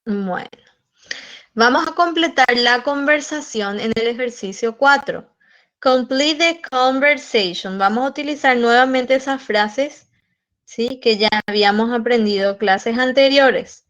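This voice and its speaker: A woman teaching an online lesson, explaining slowly step by step and often checking in with the class. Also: on the high side, fairly bright tone. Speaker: English teacher.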